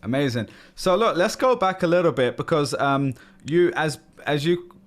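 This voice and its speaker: A man's voice: a little high, expressive, normal speed. A man with an American accent hosting a podcast interview, chatty and friendly, with frequent um and you know. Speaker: podcast host.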